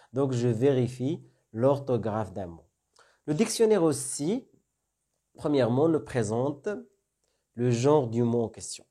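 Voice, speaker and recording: Man, teacher, mellow tone, slightly breathy, slow explanations, rhetorical questions. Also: mid-range voice. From North Africa. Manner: explains slowly with repeated questions and "d'accord?". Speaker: French teacher. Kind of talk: classroom-style lesson.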